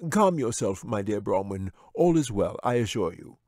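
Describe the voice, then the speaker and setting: A man voicing a smug, condescending male wizard who speaks in a smooth, commanding way. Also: on the low side, very animated, moderate pace, darkish tone, no echo, clean studio sound.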